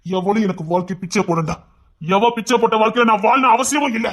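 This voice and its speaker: A man's voice: high-pitched, fast, fairly bright tone. An actor playing a hot-tempered young husband who scolds his wife harshly, in a serial-style drama. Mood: angry.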